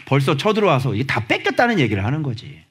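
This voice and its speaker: A man preaching a sermon as pastor, animated and sometimes shouting at the congregation, acting out little dialogues. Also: mid-range voice, fast, slight background noise. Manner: acts out little dialogues in different voices. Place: church sanctuary.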